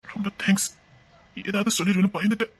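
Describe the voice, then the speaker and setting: A woman's voice: mid-range voice, steady tone, fast talker, breathy edge, voice pushed down, natural voice. A woman voicing a protective young husband in a cartoon, firm and reassuring. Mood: tender.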